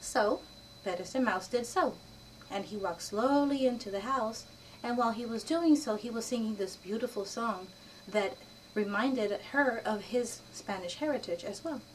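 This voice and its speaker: A woman telling a children's story aloud, lively and animated, playing each character. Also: a little high, normal speed. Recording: distant mic with faint background noise.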